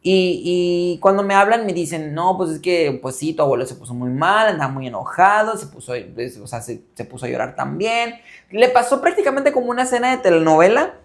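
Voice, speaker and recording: Young man, Mexican accent, casual storytelling host, animated, acts out quotes, laughs often. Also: high-pitched, a little fast.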